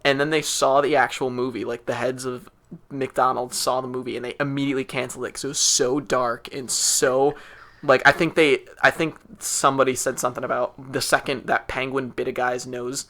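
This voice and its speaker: A man's voice: medium pitch, level tone, brisk, a bit bright. A man co-hosting a podcast, chatting casually and enthusiastically with plenty of fillers. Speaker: podcast co-host. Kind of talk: casual chat.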